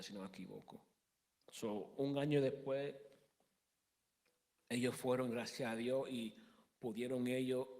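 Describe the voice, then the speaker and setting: A man in his thirties giving a halting personal testimony in a church interview, often restarting and slipping in English words. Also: medium pitch, a little mellow, long reverb tail.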